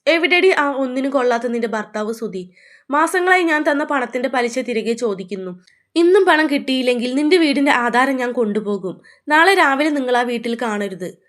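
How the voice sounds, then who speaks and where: Woman as a bullying male moneylender, scornful, slightly high-pitched storybook reading. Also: animated, moderate pace. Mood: threatening. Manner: shouting, scornful. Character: menacing male moneylender, loud and insulting.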